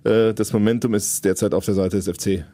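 A man co-hosting a football podcast, giving casual analysis in a halting way as he searches for words. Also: lowish voice, steady tone, warm tone, no room sound. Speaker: podcast co-host and football reporter.

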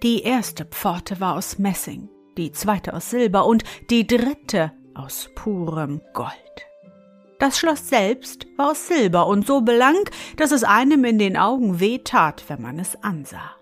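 Lady reading a fairy tale really slow, lots of little asides, faint music in the back. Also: medium pitch. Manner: warm, expressive asides to the listener. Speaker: storyteller.

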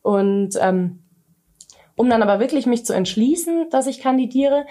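A woman's voice: a little high, lively intonation, moderate pace, warm tone. Woman, 30s, mayoral candidate being interviewed; hesitant, filler-heavy delivery. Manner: hesitant, many fillers and restarts. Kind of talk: interview answers.

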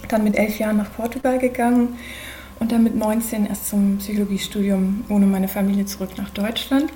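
A German woman in her forties speaks as a podcast guest, her voice dark and mellow. She talks in a thoughtful, searching way, pausing often with fillers. A faint hiss sits under the recording. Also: medium pitch, flat delivery. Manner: thoughtful, many hesitations and fillers. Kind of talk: conversational podcast interview.

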